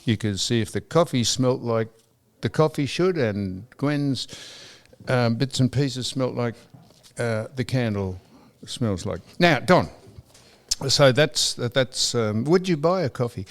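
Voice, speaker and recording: Speaking a little slowly and expressively at medium pitch, the Australian podcast co-host drifts through casual, rambling tales. He stammers, restarts and says the same things more than once.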